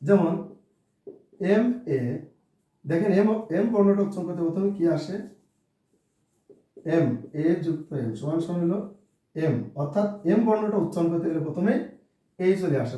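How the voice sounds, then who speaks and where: A man's voice: high-pitched, normal speed, pauses often, dark tone. A man teaching a beginners' English lesson, spelling words out letter by letter and posing questions that he answers himself. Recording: distant mic in a very echoey room.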